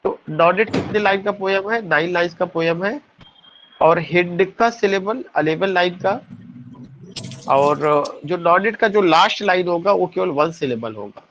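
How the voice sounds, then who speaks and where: A man's voice: high-pitched, expressive, unhurried, fairly bright tone, highs cut off, slight background noise. A man teaching poetry terms in an exam-prep lesson, asking questions and answering them, spelling words out letter by letter.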